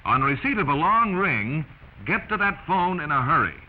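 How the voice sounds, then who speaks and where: With a slightly high, sing-song voice at normal speed, an American man narrates a 1940s instructional film, speaking emphatically and instructively to the listener. The period soundtrack is muffled and noisy.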